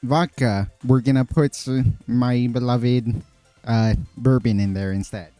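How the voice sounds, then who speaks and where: A man chatting on a stream in a loose, rambling way, full of fillers and restarts. His voice is mellow and mid-pitched, recorded close and dry with faint music behind him. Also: steady tone, a little slow, no echo. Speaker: streamer making cocktails. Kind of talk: casual chat.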